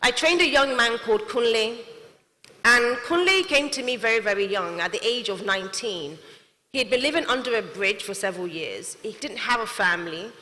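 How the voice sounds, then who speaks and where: This young adult woman, a CEO and manufacturer not from Nigeria, speaks at a moderate pace in a fairly high, pushed and bright voice. She's delivering an earnest prepared speech to an audience, with the hall adding long reverb.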